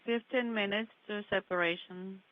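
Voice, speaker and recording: A woman's voice: medium pitch, steady tone, normal speed. A woman interpreting radio calls in clipped, procedural phrasing, heard over a narrow comms line that keeps breaking up. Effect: narrow, noisy comms line breaking up. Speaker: interpreter on a space mission audio loop. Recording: tinny, hissy comms loop.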